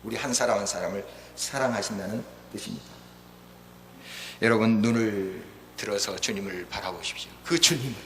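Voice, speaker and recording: A male pastor preaching a sermon, passionately, rising to forceful exhortation and dropping to hushed pleading. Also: a little fast. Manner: impassioned, swinging between raised exhortation and hushed pleading. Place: church sanctuary. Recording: echoey hall with low hum.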